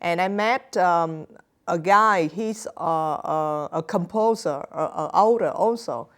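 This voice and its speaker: Smooth-voiced Vietnamese woman, hesitant. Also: fairly low pitch, takes it slowly, a bit bright. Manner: hesitant, many fillers, simple English grammar. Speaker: author guest. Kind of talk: interview answers.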